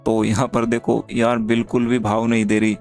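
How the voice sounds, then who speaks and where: A man walks viewers through chat screenshots in a relaxed, matter-of-fact way, his pitch sitting in a middle range. His delivery stays even and flat, without much rise and fall. Soft music plays faintly underneath. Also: normal speed. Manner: steady, plain, talks straight to viewers. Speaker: YouTube creator giving chat tips. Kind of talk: casual narration of chat screenshots.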